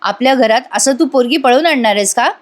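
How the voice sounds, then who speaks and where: A woman's voice: sits high, a little fast, pitched above the performer's own voice, lightly acted. A woman voicing a stern young man who scolds and orders people about, in a retold TV serial. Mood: scolding. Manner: scolding, commanding.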